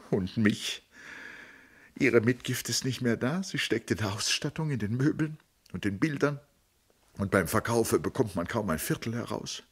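A man's voice: fairly bright tone, breathy edge. A man reading a novel aloud, voicing a desperate middle-aged woman who pleads and sobs. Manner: pleading, sobbing, rising to high breaks.

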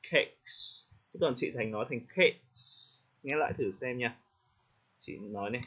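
A man coaching English pronunciation in casual spoken feedback, friendly, slowing down to demonstrate words and laughing lightly. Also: mid-range voice. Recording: slightly dull lo-fi audio.

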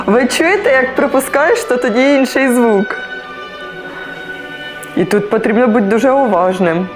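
A middle-aged woman gives excited commentary as she plays a virtual reality conductor game, talking to viewers between exclamations. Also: mid-range voice. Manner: animated, exclamatory, talks to viewers while playing. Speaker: mother playing a VR conductor game. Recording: orchestral game music loud behind her.

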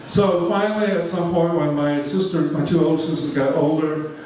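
His voice is fairly high yet darkish in tone, and he speaks unhurriedly. He's a man in his seventies from Georgia, USA, giving a loose, rambling slide talk peppered with fillers and frequent chuckles. The recording is echoey, made in a large church hall with the mic far away.

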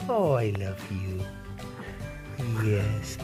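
A man coos baby talk to his infant son in a slow, doting sing-song. His voice leaps wildly between low and very high notes. Music plays clearly behind him. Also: big pitch swings. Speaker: father.

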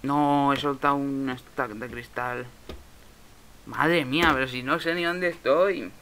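A man's voice: medium pitch, fairly even intonation, takes it slowly, sharp tone, a little hiss or hum, poor audio. A young man from Spain with a Spain Spanish accent, casually commenting on his own Minecraft game, muttering and swearing at lag. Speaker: Minecraft let's player.

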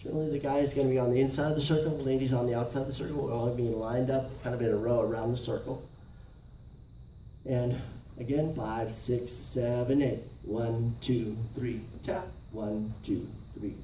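Calling out counts and brief directions, a middle-aged man demonstrates a dance lesson with a mid-range, warm voice that's a little fast and fairly even in intonation. He's in a big carpeted multipurpose room indoors, recorded by a distant camera mic across the room that gives a roomy sound with faint noise.

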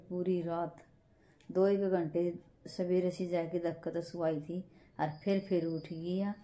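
Chatty Haryanvi mother in an echoey home. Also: on the low side. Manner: chatty, rambling, homely. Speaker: family vlogger and mother. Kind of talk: casual home vlog talk to camera. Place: at home, indoors. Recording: echoey room with loud background noise and passing vehicles.

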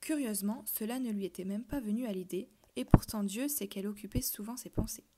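A woman reading a children's novel aloud, telling the story softly and dropping to a whisper at tense moments. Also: mid-range voice, a little fast, very noisy. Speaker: reader.

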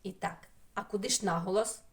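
A woman teaching a remote lesson to preschool children, stretching out syllables and sounds and gently coaxing them with questions. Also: mid-range voice, fairly even intonation, brisk.

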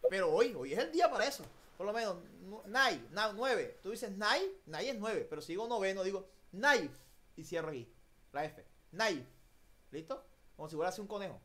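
Un profesor de inglés con acento latinoamericano en una clase en línea por videollamada, que corrige la pronunciación con entusiasmo y mezcla español e inglés. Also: male voice, sits high, fast talker. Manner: lively, drills pronunciation, mixes Spanish and English. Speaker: English teacher. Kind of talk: online class. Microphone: video call.

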